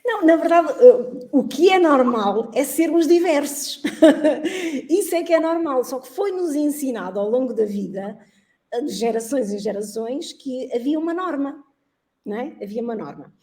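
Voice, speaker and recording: A woman's voice: high-pitched, expressive, moderate pace, dark tone. A middle-aged woman from Angola, a guest in an interview, speaking in an earnest, reflective way and laughing often. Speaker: guest, social entrepreneur and teacher. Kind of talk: interview conversation.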